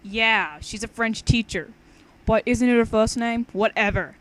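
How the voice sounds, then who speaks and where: In a fairly high voice at a measured pace, a young amateur reader goes through her own fan fiction aloud. Her tone is casual and giggly, with banter and frequent stumbles over words, all captured on a noisy homemade recording.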